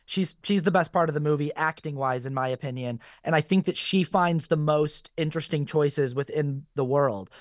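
A man's voice: a little high, normal speed, few pauses, no room sound, studio quality. A man who is a guest actor chatting casually on a podcast and telling stories with energy. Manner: animated storyteller, quotes others in lively voices.

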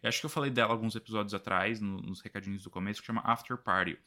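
Bright-voiced Brazilian podcast co-host. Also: male voice, lowish voice, fairly even intonation, very fast. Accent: Brazilian Portuguese. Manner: chatty, laughs often. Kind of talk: casual chat.

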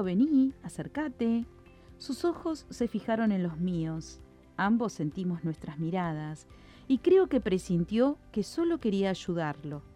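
A woman reading a children's story in an expressive, lilting way, with faint music behind. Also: on the low side.

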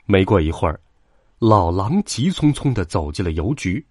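A man storyteller reading a children's bedtime story aloud in an expressive way. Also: sits low, normal speed, husky, no echo, studio quality. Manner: lively, expressive.

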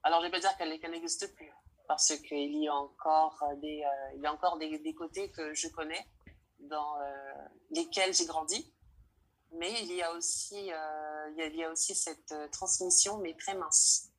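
A young woman from French Guiana with a low, husky voice answers interview questions. She speaks hesitantly and often stops to find the right word. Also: fairly even intonation, normal speed, low-quality recording. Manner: hesitant, searching for words.

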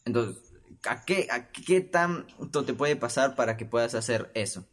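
A man's voice: medium pitch, animated, unhurried, fairly bright tone. A young man with a Peruvian accent hosting a casual solo podcast, rambling with stammering restarts and acting out the voices in his stories. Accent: Peruvian Spanish. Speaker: podcast host.

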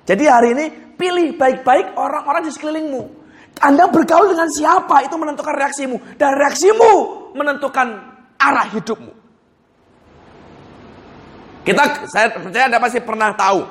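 A male pastor delivering a sermon with an unusually high voice for a man. He tells it like a story, animated and conversational, with frequent light chuckles between his points.

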